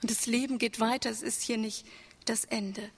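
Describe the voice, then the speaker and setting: A woman's voice: on the high side, steady tone, normal speed, vocal fry, slightly rough. A woman preaching an Easter sermon, earnest, asking the congregation rhetorical questions. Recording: long church reverb.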